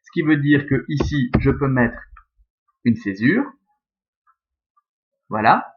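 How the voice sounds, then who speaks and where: A man's voice: mid-range voice, lively intonation, slow pace. A male teacher talks through a recorded lesson on Latin verse, patient and methodical as he takes each step in turn. His voice sits in an ordinary middle register. The recording is dull and lo-fi. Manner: methodical, explains step by step with fillers like "hein" and "euh". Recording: dull, lo-fi sound.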